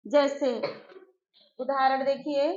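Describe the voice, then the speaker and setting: A woman teacher giving an exam-prep grammar lesson, slowly repeating key phrases and putting questions to her students. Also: sits high, little pitch movement, a little mellow. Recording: echoey room, dull lo-fi sound.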